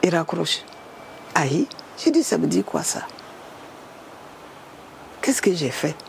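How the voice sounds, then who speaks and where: A woman in her eighties from Burkina Faso, a former state secretary telling her story in a lively, animated way. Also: fairly low pitch, slow, vocal fry, slight background noise. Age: 80s. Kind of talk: storytelling interview.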